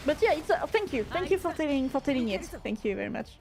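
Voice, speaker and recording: A high-pitched woman with a French accent chats casually on a game live stream, her tone rising and falling constantly instead of holding steady. She restarts phrases as she searches for English words and laughs often. Faint game music plays quietly behind her. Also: quick pace, vocal fry. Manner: pitch swings constantly, never one steady tone.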